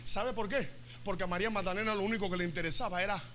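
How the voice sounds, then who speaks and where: A male pastor, preaching an animated, comic sermon and calling on the congregation to respond. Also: sits high, racing, slight background noise. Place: church service.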